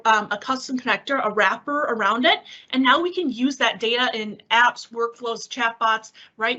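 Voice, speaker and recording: This woman, a technical presenter in a webinar, walks through a product casually and cheerfully, encouraging her listeners. Her voice is a little high with a sharp tone, and the online-meeting audio sounds slightly dull.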